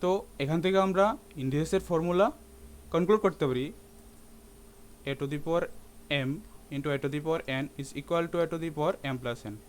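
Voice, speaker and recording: A man's voice: on the high side, a little slow, long pauses. A man teaching a math lesson in a classroom-lecture style, often asking his students rhetorical questions and slipping English terms into his speech.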